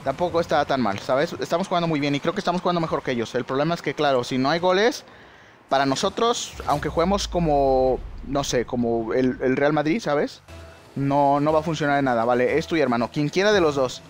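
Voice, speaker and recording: A young man with a Mexican accent giving excitable, slangy live commentary on his own gameplay and shouting at big plays. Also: on the high side, a little fast, a little hiss or hum. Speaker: gaming YouTuber.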